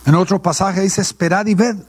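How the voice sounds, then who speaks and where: Man, pastor preaching, high voice, asks and answers his own questions. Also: steady tone, brisk, slightly rough, no room sound. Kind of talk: sermon.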